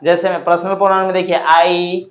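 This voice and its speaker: A man teaching English grammar to a class, repeating each phrase slowly and often checking that students understand. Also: high voice, completely flat delivery, muffled recording. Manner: slow, repetitive drilling, checking understanding. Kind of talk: classroom lesson. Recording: echoey classroom.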